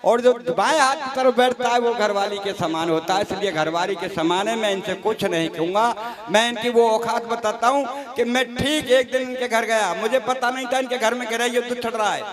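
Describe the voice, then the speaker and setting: A man's voice: extremely high pitch, normal speed. A man reciting comic poetry on stage, telling stories with mock dialogue and teasing his fellow poets. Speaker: stage comedy poet. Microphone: stage microphone. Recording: live crowd behind the voice.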